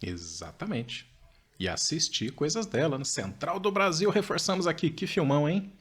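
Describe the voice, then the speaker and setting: A man with a Brazilian accent co-hosting a podcast, making calm, reflective remarks. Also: on the high side, normal speed, husky. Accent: Brazilian Portuguese. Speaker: podcast co-host. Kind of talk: casual conversational podcast chat.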